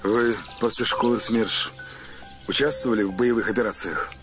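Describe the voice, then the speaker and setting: A man's voice: on the low side, normal speed, natural voice. An actor in his fifties playing a stern, commanding army captain in a war film. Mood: quiet, grave. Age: 50s. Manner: commanding, clipped orders. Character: stern Soviet army captain drilling women recruits. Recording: film music under the voice.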